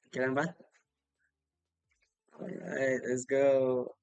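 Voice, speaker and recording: A man's voice: medium pitch, flat delivery, slow pace, creaky, darkish tone, clean tone, dry recording, highs cut off. A young man with a Filipino accent, casually answering viewer comments on a livestream, apologetic and chatty as he switches between English and Tagalog. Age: young adult.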